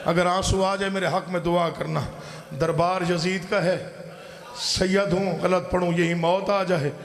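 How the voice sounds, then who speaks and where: A middle-aged man, chanting a mourning sermon from a pulpit in a sung, wailing style that rises to shouts. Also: sits high, little pitch movement. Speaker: zakir reciting at a mourning gathering. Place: mourning assembly, speaking from a pulpit.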